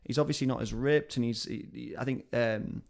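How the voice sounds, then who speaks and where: Guy hosting a live stream, quick rambly chat, mid pitch. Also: steady tone, vocal fry, darkish tone. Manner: rambling, chatty and enthusiastic. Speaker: show host.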